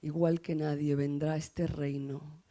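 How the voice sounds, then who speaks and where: Woman poet, measured poetry reading, warm dark tone, trails off quietly at line ends. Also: low voice, steady tone. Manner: measured, dropping softer at the end of verses. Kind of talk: poetry recitation. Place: reserved room in a café.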